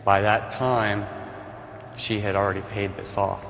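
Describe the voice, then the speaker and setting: A young man answers as a defendant in court, short and hesitant. His delivery stays very flat. The room is echoey with faint noise underneath. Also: lowish voice, a little slow, gravelly. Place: TV courtroom studio.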